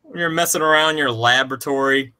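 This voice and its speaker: A man co-hosting a podcast in casual chat, animated and teasing, laughing often. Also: medium pitch, fast, clean tone. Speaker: podcast co-host.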